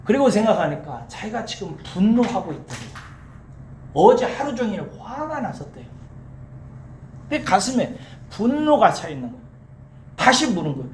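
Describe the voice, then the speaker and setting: A pastor preaching a sermon, telling a story and asking the congregation rhetorical questions, slowing down to stress key words. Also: medium pitch, very animated, a little hiss or hum. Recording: echoey church hall, faint ambience.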